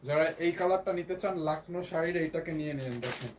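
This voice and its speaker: A hoarse man with a Bangladeshi Bengali accent, selling clothes on a live stream and repeating prices again and again. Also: on the high side, rapid-fire, a little hiss or hum. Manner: repetitive, keeps repeating prices and urging viewers to buy. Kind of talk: live shopping sales pitch.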